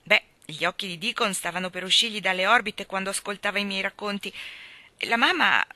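A woman's voice: mid-range voice, a little fast, bright, forceful tone, no echo. A woman voicing a cheerful, chatty young housemaid who tells homely stories in a storybook reading. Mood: warm.

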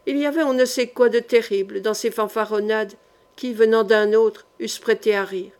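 A woman narrating a historical novel audiobook in a measured, dramatic reading. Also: on the high side, steady tone, darkish tone.

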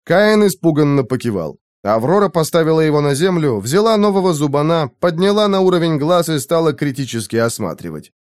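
A man reading a first-person fantasy audiobook in a lively, expressive way. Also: a little high, a little fast, few pauses. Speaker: audiobook narrator.

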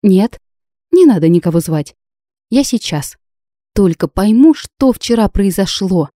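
A flustered young heroine who blurts out exclamations, as a woman reads her. The voice sounds dark and mellow, and the recording is dry. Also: medium pitch, expressive, a little slow, dry recording, voice pushed up.

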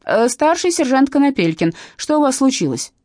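A woman's voice: high-pitched, very animated, normal speed, a little mellow, no room sound, studio quality, voice pushed up. A woman voicing an officious male traffic police sergeant who lectures in a formal way.

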